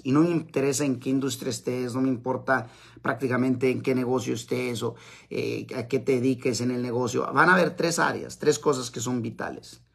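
A man's voice: medium pitch, vocal fry, a bit bright, slightly rough. A man giving a live-streamed motivational talk, emphatic and repeating his key phrases. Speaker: motivational speaker. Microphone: camera mic on live stream.

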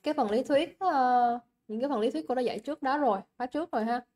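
A young woman with a Vietnamese accent teaches an English exam class over a livestream. Her voice sits a little high, and she talks in a chatty, coaxing way. She repeats words for emphasis and keeps checking that her students are following. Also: quick pace, darkish tone. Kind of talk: livestream exam review lesson.

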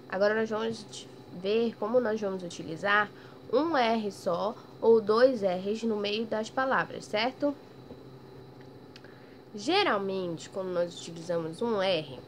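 Slow patient teacher lady talking to kids, stretches out words, little bit of hiss behind. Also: mid-range voice. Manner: ends phrases with "tá bem?" checks. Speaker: primary school teacher. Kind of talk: recorded remote lesson for children.

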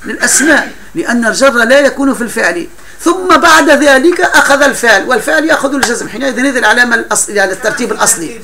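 A man's voice: extremely high pitch, expressive, racing, a crowd in the background. A man teaching a classroom grammar lesson, explaining patiently with frequent laughs and broken-off restarts.

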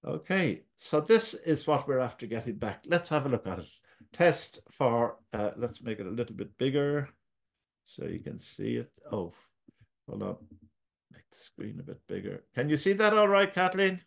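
A man's voice: medium pitch, big pitch swings, normal speed, gravelly. A man with an Irish accent giving a screen-share tutorial, patiently talking through each step as he goes. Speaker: tutorial presenter.

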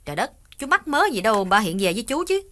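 A man plays a chattering young housewife with a high, lively voice. Her tone is bright and quick to rise and fall. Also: heavily acted. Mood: surprised.

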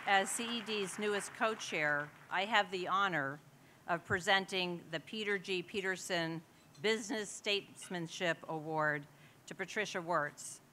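A woman's voice: lowish voice, measured pace, pushed and bright, slight background noise. A woman giving a formal, earnest introduction at an awards dinner. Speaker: co-chair presenting an award.

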